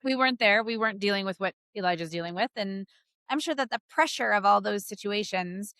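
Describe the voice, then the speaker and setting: A woman co-hosting a casual Bible discussion, animated and expressive, laughing easily. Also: mid-range voice, a little fast, no echo, studio quality.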